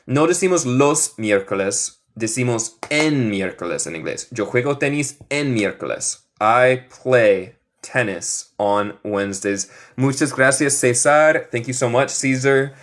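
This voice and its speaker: A man teaches through in a live online lesson, speaking at a very slow, unhurried pace. His pitch sits in an ordinary middle range. He drills phrases patiently and switches easily between the two languages. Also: lively intonation. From United States. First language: English. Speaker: English teacher.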